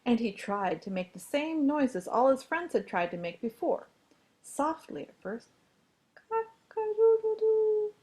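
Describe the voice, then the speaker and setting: A woman reading a children's storybook aloud as a religious education storyteller, with an expressive, animated delivery. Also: on the high side, moderate pace, hardly any pauses.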